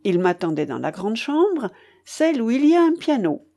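A woman with a voice on the high side narrates a literary audiobook. Her storytelling is measured and expressive.

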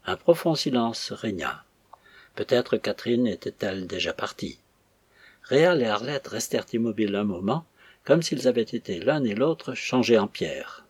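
A man narrating an audiobook in an even, measured reading with a husky voice. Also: lowish voice, no room sound.

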